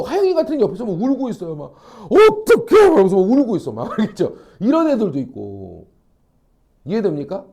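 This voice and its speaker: Lively, animated male teacher in class. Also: high-pitched. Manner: animated, acts out quoted people; casual and blunt with students, checks understanding often. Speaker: academy teacher. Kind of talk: classroom lecture.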